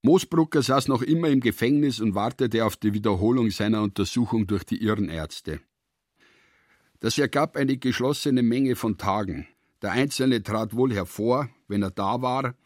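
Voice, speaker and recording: A man narrating a radio drama in a calm, steady reading. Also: lowish voice, dry recording, studio quality.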